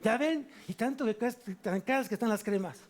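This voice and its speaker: A man preaches a sermon in a high-pitched voice. He keeps asking questions and answering them himself, with lively stops and restarts. He speaks into a microphone in a church. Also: brisk. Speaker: pastor.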